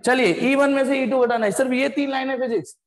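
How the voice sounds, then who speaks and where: A man's voice: very high voice, fairly even intonation, quick pace. A man teaching a physics class online, explaining step by step and breaking off to scold students bluntly. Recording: echoey room with long reverb.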